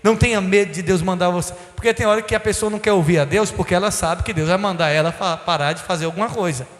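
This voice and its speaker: A man's voice: sits high, quick pace, fairly bright tone. A man, a bishop, preaching a sermon with rising emphatic calls and rhetorical questions. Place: church hall. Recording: echoey church hall.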